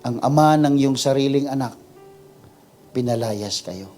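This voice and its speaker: A man preaching an emotional sermon in a church, building from quiet reflection to loud, drawn-out cries. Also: medium pitch, faint music behind. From Philippines. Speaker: pastor. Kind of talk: impassioned sermon mixing Tagalog and English. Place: church service before a congregation.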